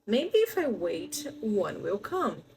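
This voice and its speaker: A woman's voice: mid-range voice, sing-song, slow pace, a little mellow. A woman voicing a small, eager young male penguin in a children's storybook reading, cheerful and curious.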